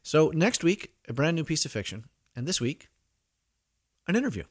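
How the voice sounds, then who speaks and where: A man's voice: on the high side, sing-song, moderate pace. A man in his thirties hosting his own podcast, giving a scripted introduction with wry, dry humor. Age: 30s. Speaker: podcast host.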